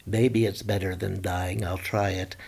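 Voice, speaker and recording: A man's voice: sits low, little pitch movement, a little slow, vocal fry, darkish tone, husky, full character voice. A man voicing a sweet, bewildered young princess in a plaintive, put-on girlish tone.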